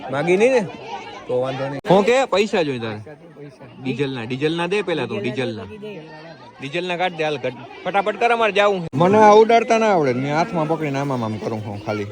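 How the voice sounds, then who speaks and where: A man's voice: fairly high pitch, very animated, fairly quick. A man vlogging a friend's wedding outdoors, joking and ribbing his friends as he films on a handheld phone. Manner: teasing, joking banter with friends. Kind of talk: casual handheld wedding vlog. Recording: loud crowd chatter around.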